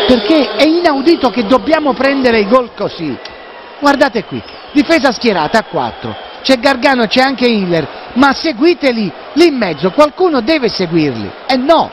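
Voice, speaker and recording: A man giving breathless goal commentary as an excited, partisan football commentator who repeats his phrases. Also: extremely high pitch. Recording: loud stadium crowd noise behind. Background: roaring stadium crowd.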